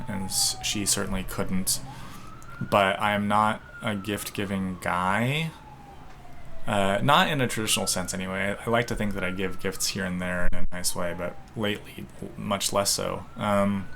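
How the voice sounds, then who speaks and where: A young American podcaster with a low, gravelly voice talks in a pushed, bright way over slight hiss or hum. Taking an online quiz in casual solo talk, he reflects aloud hesitantly and ramblingly, restarting often.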